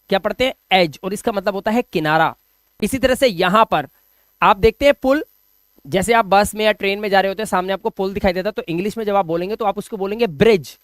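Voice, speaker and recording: A man's voice: high-pitched, no echo. A man giving an online video lesson on English pronunciation, explaining patiently in Hindi and dropping in English phrases. He keeps repeating each word and asking rhetorical questions to drill the point.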